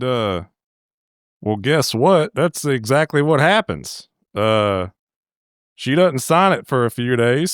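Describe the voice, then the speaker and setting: Rambling folksy man, high clear voice. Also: no room sound, clean studio sound. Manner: rambling, crude, down-home, lots of "uh". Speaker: channel host. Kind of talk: folksy movie recap.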